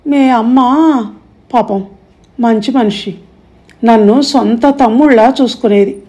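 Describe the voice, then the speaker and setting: A woman's voice: a little high, slow, warm tone, breathy edge. A woman voicing a confused, forgetful old man in his late seventies who talks in a vague, rambling way.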